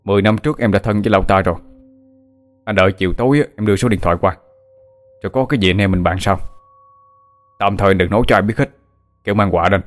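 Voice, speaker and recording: A man doing an excitable young villager. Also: fairly low pitch, fast, long pauses, soft background music, natural voice. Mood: eager. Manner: excited, rising to frantic shouts.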